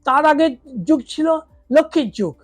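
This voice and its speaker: A man's voice: very high-pitched, lively intonation, normal speed, faint music behind. A man giving an unscripted religious lecture, posing questions and answering them himself, often breaking off mid-word to restart. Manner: talks through examples and retold stories, with frequent restarts and self-corrections. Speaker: religious teacher.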